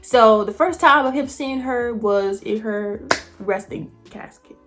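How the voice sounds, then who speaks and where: A woman with a high voice tells a story casually to her viewers. She talks in a lively, colloquial way and often turns to the audience directly. Faint music plays behind her. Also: unhurried. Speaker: storytime vlogger.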